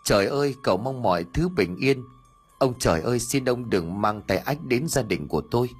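A man's voice: medium pitch, animated, brisk, husky, soft background music. A man voicing a sly older father-in-law who fakes grief with theatrical, trembling pleas, in an audio story. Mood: false prayer.

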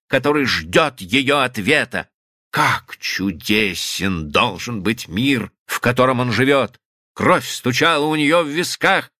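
A man reading a novel aloud as an audiobook, with emotive, lively narration into a close studio mic. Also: mid-range voice, no echo. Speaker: audiobook reader. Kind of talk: expressive literary narration.

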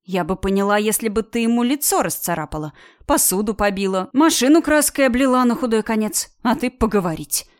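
A woman's voice: a little high, lively intonation, a little fast, natural voice. A woman reading an audiobook, voicing a bold young woman who talks with sarcasm and indignant emphasis. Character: bold, sharp-tongued young woman friend. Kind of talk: audiobook character voice.

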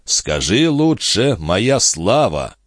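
A man voicing Balsamo, a proud, ambitious man who speaks in a measured, soothing way in an audiobook reading. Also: on the low side, sing-song, no room sound, clean studio sound, pitched above the performer's own voice. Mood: calm. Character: ambitious man, calm, proud, tender but cool.

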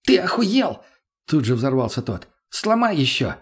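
A man's voice: on the high side, sing-song, normal speed, voice pushed up. A man doing a barking profane junkie thug. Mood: angry. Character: crude trigger-happy male junkie thug.

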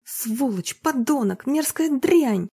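A woman's voice: mid-range voice, normal speed, warm tone, slightly rough, natural voice. A woman voicing Marina, an adult woman holding back her anger in a cold, controlled way, in a read-aloud story. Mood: furious. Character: Marina, a tense adult woman fighting for a foster girl.

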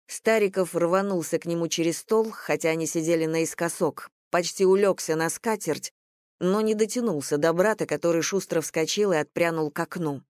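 An audiobook narrator reading a novel in a steady, measured way. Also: medium pitch, no echo, clean studio sound. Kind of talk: scripted narration.

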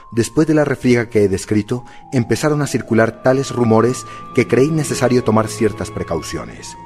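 A man with a low voice reads a novel aloud in the first person, steady and measured. Faint music runs quietly under his narration. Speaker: audiobook narrator.

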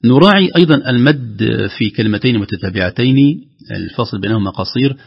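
A man teaching Quran recitation rules, explaining patiently and then reciting the examples slowly and more loudly. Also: lowish voice, creaky, breathy edge. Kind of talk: tajweed lesson with recited examples. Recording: dull lo-fi broadcast audio.

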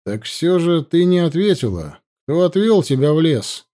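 A man's voice: a little high, very animated, warm tone. Man doing a cold young werewolf chieftain. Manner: cold, measured, evasive.

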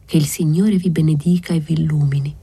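A woman voicing a pale, fat friar, anxious and pious, speaking in a hushed, partly whispered voice. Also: low voice, fairly even intonation, brisk, husky, heavily acted.

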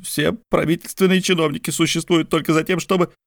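A man's voice: a little high, level tone, a little fast, dry recording, studio quality, voice pushed up. A man doing a grumbling, worn-out writer. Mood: complaining. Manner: gruff, complaining outbursts. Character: exasperated grumbling male writer, worn out and irritable. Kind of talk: audiobook character voice.

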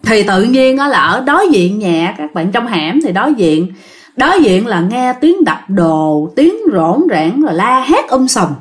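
A woman's voice: medium pitch, big pitch swings, unhurried. A woman hosting a ghost story channel, chatting to listeners and sounding a bit tired. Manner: chatty, addresses listeners directly.

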